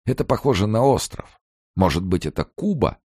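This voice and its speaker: A man's voice: fairly low pitch, sing-song, normal speed, dark tone, breathy edge, no room sound, studio quality, voice pushed up. A man voicing an anxious old male emigrant without papers, talking in a fretful, muttering way. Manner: fretful muttering inner monologue.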